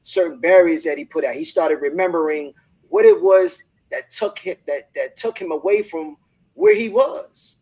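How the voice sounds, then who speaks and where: Husky, upbeat man hosting a live talk. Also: on the high side, very animated, normal speed, darkish tone, low-quality recording. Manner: enthusiastic, motivational, repeats words when starting. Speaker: host of a live online business talk. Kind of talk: casual group discussion.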